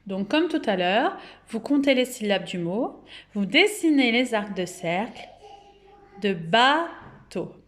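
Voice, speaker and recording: A woman with a French accent giving a phonics lesson to young children at home, speaking patiently and clearly and drawing out each word's syllables. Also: mid-range voice, animated. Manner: slow, clear, patient, syllables drawn out and repeated. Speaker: kindergarten teacher.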